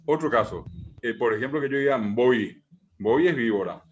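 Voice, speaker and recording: A man teaching a language class online, patiently repeating examples, pausing on fillers and checking in with his students. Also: medium pitch, animated. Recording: muffled online call audio.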